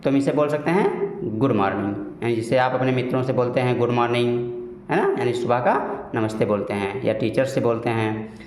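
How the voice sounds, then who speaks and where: A man teaching spoken English in Hindi, giving each phrase and repeating the English slowly for learners. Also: medium pitch, darkish tone, reverberant, slight background noise, low-quality recording.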